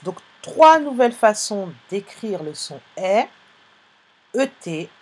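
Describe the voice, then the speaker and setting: A woman teaching young children to read in a live online lesson, going slowly and patiently as she spells out sounds and letters. Her voice is a little breathy, and the pace is unhurried throughout. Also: medium pitch, sing-song. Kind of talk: phonics lesson for young pupils. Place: online class, live stream.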